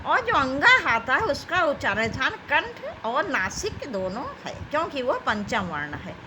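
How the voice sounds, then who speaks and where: A Hindi teacher with a high voice and big pitch swings leads an exam-prep grammar lesson at an unhurried pace. She reads out the questions and answer options, addressing her students as children, over heavy background noise.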